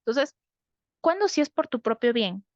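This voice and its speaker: A woman's voice: fairly high pitch, sing-song, moderate pace, no room sound, dull audio. A woman giving a reflective talk on parenting, often asking rhetorical questions and checking in with her listeners. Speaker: parenting educator.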